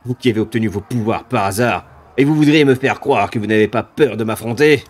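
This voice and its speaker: A man voicing a ravenous demon from a video game, a haughty dark lord who taunts with drawn-out, mocking menace. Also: on the low side, close to an everyday voice. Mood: scornful. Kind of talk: dramatic video game villain read aloud.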